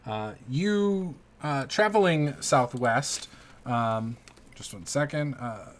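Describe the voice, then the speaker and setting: Acting as game master for a tabletop game, a man improvises the narration in a halting, informal way, searching for words as he goes. His voice is mid-range and animated.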